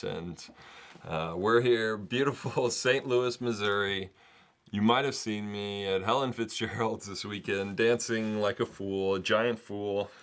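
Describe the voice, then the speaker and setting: A man's voice: on the low side, a bit bright. A man hosting a sports video, talking casually in a rambling, self-deprecating way. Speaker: sports vlogger and host.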